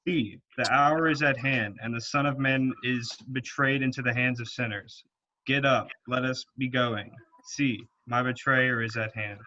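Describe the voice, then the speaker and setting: A man reading the part of Jesus in a church reading, speaking in a measured, solemn way. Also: medium pitch, fairly even intonation, bright, forceful tone, dull audio. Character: Jesus, calm grave male teacher. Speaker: reader.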